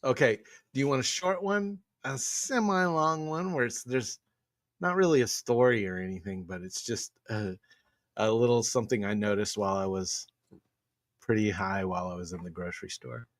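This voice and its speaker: A man's voice: on the low side, moderate pace, no room sound. A man co-hosting a podcast, rambling through a casual story and laughing as he talks. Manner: rambling, laughs while telling stories. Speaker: podcast co-host. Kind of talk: casual chat.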